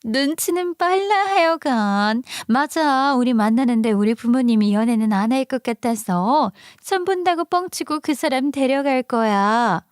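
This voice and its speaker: A woman's voice: animated, unhurried, hardly any pauses, smooth, dry recording, clean studio sound. A woman voicing a smug young woman who betrayed her friend, gloating and taunting in a raised voice. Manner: gloating, taunting, high-pitched.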